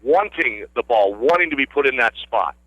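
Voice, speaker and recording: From an outdoor broadcast position at a ballfield, a man calls live baseball play-by-play on radio in short, descriptive phrases. His mid-range voice is expressive at a normal speed, with no echo and the high frequencies cut off.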